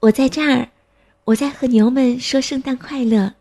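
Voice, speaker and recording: A woman voicing a thin, quiet seven-year-old girl in a storybook reading, her voice soft, tender and childlike. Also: high voice, steady tone, moderate pace, voice pushed up. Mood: cheerful.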